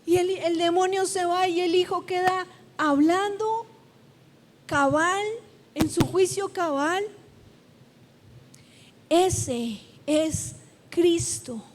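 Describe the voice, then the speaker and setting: A woman's voice: very high voice, slow pace, pauses often. A woman pastor preaching a sermon in a church, emphatic and repetitive, drawing out her phrases. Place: church sanctuary. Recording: long church-hall reverb.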